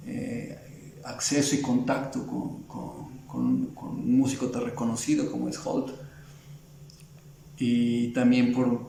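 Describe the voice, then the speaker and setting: A man's voice: medium pitch, creaky, dark tone, echoey room, a little hiss or hum, low-quality recording. A Mexican man with a Mexican Spanish accent, an illustrator in a casual interview, talking in a rambling way with many fillers and restarts. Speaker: illustrator guest.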